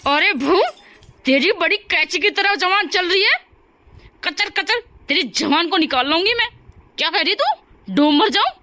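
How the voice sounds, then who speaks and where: A woman's voice: extremely high pitch, expressive, normal speed, bright, forceful tone, exaggerated voice. A woman voicing a harsh, taunting older mother-in-law in a cartoon story. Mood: angry.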